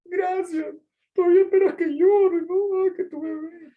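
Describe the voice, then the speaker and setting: A man putting on a whiny teenage girl's falsetto. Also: steady tone, measured pace, recorded from a distance, phone-quality sound. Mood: sarcastic. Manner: high falsetto, wailing and sarcastic. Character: sulky teenage girl, whiny and crying.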